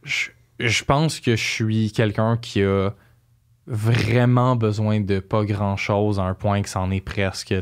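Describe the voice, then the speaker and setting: A man's voice: on the low side, fairly even intonation, slow pace, smooth. A young adult man with a Quebec French accent, chatting casually in slangy speech sprinkled with English phrases. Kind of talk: casual chat.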